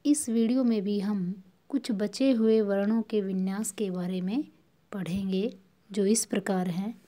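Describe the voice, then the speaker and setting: A woman's voice: medium pitch, fairly even intonation, a little slow, warm tone. A woman teacher giving a patient lesson to children, drilling sounds by repeating syllables again and again. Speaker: school teacher.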